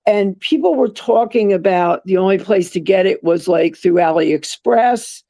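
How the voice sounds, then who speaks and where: A guest in a casual live-stream chat who talks slowly and searches for words. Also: medium pitch, warm tone, dry recording. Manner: slow, thoughtful, searching for words.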